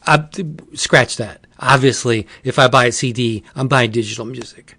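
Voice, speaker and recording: A man's voice: mid-range voice, fairly even intonation, normal speed, bright, forceful tone, no echo. A man co-hosting a comics podcast, answering bluntly and dryly in casual chat. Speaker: podcast co-host.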